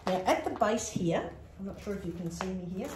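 A woman's voice: medium pitch, animated, a little fast. A woman chiropractor giving a casual, step-by-step demonstration, chatty and practical. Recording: echoey room, faint background noise.

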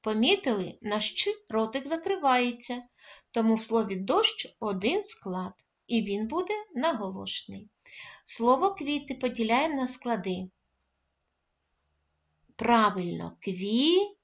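A woman primary school teacher giving a recorded lesson to first graders, speaking gently and praising the children often. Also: fairly high pitch, lively intonation, measured pace, long pauses, highs cut off.

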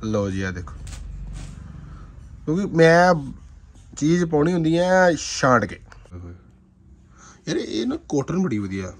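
A man gives informal, effusive shop sales patter, dramatic and full of drawn-out exclamations. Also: on the high side, sing-song. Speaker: shop seller presenting suit fabrics. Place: indoor fabric shop with tiled floor. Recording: clearly noisy shop-floor phone recording.

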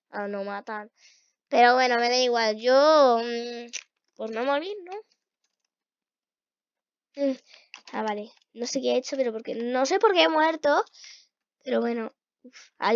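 High-pitched girl playing a game, yelps and mutters, gravelly voice, dull dry lo-fi sound. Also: no room sound. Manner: excitable, shrieks at failures, mutters while playing. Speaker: gaming youtuber. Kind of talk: casual let's-play commentary.

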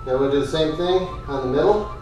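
A man in his thirties casually explaining his woodworking build in a home garage workshop, halting with many ums and uhs. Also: a little high. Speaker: woodworking vlogger. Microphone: far camera. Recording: echoey garage, voice from far off, music behind.

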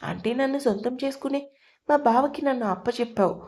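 Woman reading angry heartbroken heroine, sharp tearful lines, mellow highish voice. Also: a little fast, close to an everyday voice. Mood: bitter.

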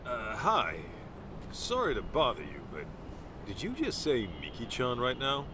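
A man's voice: mid-range voice, huge pitch swings, unhurried, background noise. An actor playing a casual, direct middle-aged male detective in a video game dub. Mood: casual, easygoing. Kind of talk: English game dub acting.

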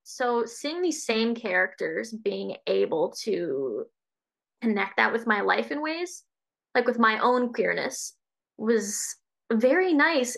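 A woman reflecting slowly in a casual book club discussion over a video call. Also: fairly high pitch, creaky, a bit bright. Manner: reflective, slow in places.

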